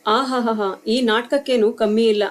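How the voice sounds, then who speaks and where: A woman's voice: on the high side, steady tone, normal speed, lightly acted. A woman voicing a scornful, harsh middle-aged mother-in-law who taunts and scolds in a storybook tale. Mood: mocking.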